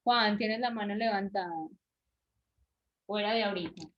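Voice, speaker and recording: Teaching drawing over a video call, a woman with an Antioquian Colombian accent explains each step at a moderate pace in a mid-range voice, checking in often with her students. The audio is muffled and carries a little hiss or hum.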